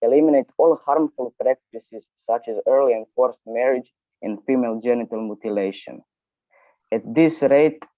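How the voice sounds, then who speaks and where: A man's voice: mid-range voice, no echo. A young man from Croatia, a student speaker, hesitantly reading a prepared speech over a video call. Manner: hesitant, halting reading with fillers. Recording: dull lo-fi call audio.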